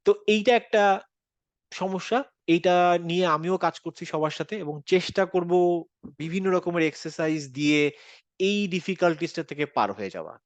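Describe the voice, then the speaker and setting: Man with a Bangladeshi Bengali accent, patient online Quran teacher, slightly high voice, dry sound. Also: animated, brisk, dry recording, highs cut off. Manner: explains patiently, mixes English phrases into Bengali. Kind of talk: online class lecture.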